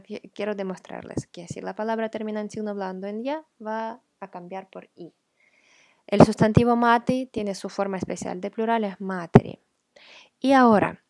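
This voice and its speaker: Patient woman teaching grammar, gravelly. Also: mid-range voice, a little mellow, no echo, clean studio sound. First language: Ukrainian. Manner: patient, explanatory, repeats words slowly. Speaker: language teacher. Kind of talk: explaining grammar in a lesson.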